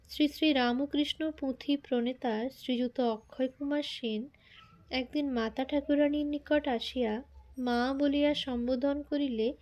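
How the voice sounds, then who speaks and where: Slow, high-voiced woman reading a biography. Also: highs cut off. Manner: slow, measured reading with quoted lines in colloquial speech. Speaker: reader. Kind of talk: reading a biography aloud in formal prose.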